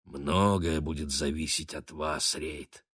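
A man voicing a confident merchant in an audiobook, speaking smoothly and with authority. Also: extremely low pitch, fairly even intonation, slow, a bit bright, no echo, studio quality, voice pushed down, exaggerated voice. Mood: hushed.

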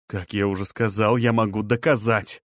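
Audiobook part: reader doing a bitter middle-aged man, shrugging flat delivery, dry studio. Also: on the low side, moderate pace, no room sound, lightly acted. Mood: resigned.

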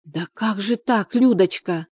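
A practical village woman speaks briskly, with worried concern and coaxing advice, as a woman reader puts her on. The voice is warm and slightly raised, dry and close to the mic. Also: lowish voice, no echo, lightly acted.

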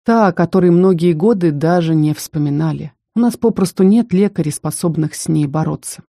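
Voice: mid-range voice, dark tone, no echo, clean studio sound, natural voice. A reader voicing a stern, protective young male mage who speaks coldly and firmly in an audiobook. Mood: somber. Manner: cold, firm, measured. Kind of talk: audiobook character reading.

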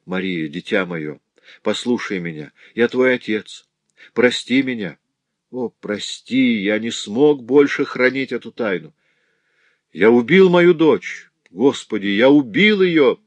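A man's voice: medium pitch, animated, takes it slowly, dry recording, pitched above the performer's own voice. A man voicing a noble prince, a grieving and overjoyed middle-aged father, speaking in an impassioned, exclaiming way. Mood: anguished.

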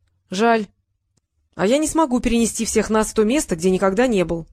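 A woman reading the part of a calm, unflappable old male wizard who lectures his pupil. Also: fairly high pitch, a little fast, no room sound, clean studio sound, lightly acted. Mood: matter-of-fact. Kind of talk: audiobook character reading.

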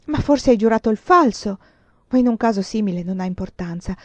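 A woman's voice: medium pitch, animated, fairly quick, darkish tone, no room sound, close to an everyday voice. A woman voicing Vinca, desperate young woman. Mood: pleading. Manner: pleading, insistent. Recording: dull lo-fi recording.

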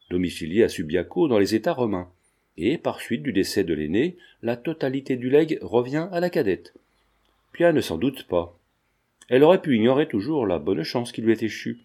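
A man voicing a polite, formal middle-aged notary who speaks in a measured, precise way. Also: medium pitch, dark tone.

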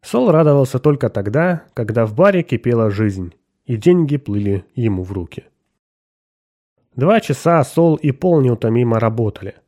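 A man reading a story aloud as narrator, giving the characters their own voices. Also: normal speed. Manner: expressive storytelling, shifting pitch for characters. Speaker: audiobook narrator. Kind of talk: scripted narration with voiced dialogue.

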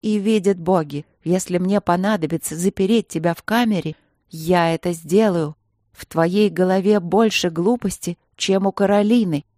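A woman voicing a furious elder sister who shouts, stern and drawn out. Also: mid-range voice, steady tone, moderate pace, no room sound, studio quality, close to an everyday voice.

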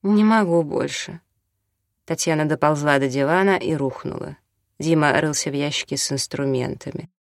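A man narrating an audiobook in a steady, even storytelling manner. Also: fairly high pitch, brisk, no room sound, studio quality.

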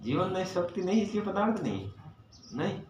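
A man's voice: sits high, very animated, background noise. Man teaching grammar in an echoey classroom. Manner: explains patiently, quizzing students and reciting verses slowly. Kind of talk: classroom lecture. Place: classroom with students. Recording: echoey, dull lo-fi room recording.

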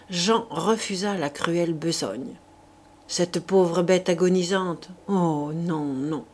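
Woman narrator for a novel audiobook, slow, breathy, measured. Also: fairly low pitch, darkish tone. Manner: measured, deliberate reading. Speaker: audiobook reader.

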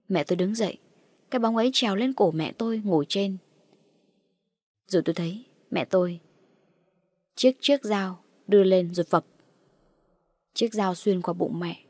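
A woman's voice: medium pitch, a little mellow, dry recording. A woman reading a first-person horror story aloud in a tense, dramatic way. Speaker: narrator. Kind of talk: scripted horror story narration.

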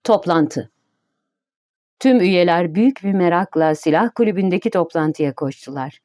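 A woman narrating an audiobook in a steady, even reading voice. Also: on the low side, moderate pace, no room sound, studio quality.

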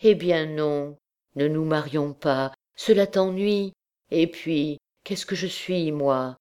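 A woman's voice: sits low, slow, darkish tone, clear, resonant tone. A woman voicing a young, desperate dancer girl who pleads passionately with the man she loves. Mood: devoted.

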